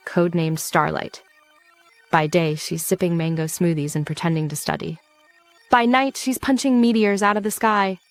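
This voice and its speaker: A woman narrates a comic story recap in a scripted but playful way, often turning to the listener. Her pitch is middling. The recording is dry and close. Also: no echo.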